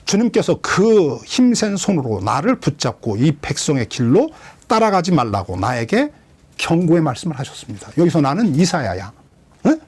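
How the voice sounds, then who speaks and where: Husky, animated preaching pastor. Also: male voice, on the high side. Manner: lively, questioning the congregation, dramatic quoted voices. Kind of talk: expository sermon.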